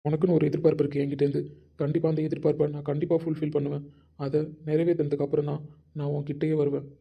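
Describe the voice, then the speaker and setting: A man's voice: on the high side, level tone, very fast, creaky, breathy edge, lo-fi sound. A man playing a remorseful young husband who speaks earnestly and apologetically in an amateur audio drama. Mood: remorseful, tender.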